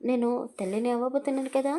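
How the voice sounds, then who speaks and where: A woman's voice: sits high, fairly even intonation, fast, mellow. A woman voicing an innocent, childlike young bride who asks wide-eyed, pleading questions. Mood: naive.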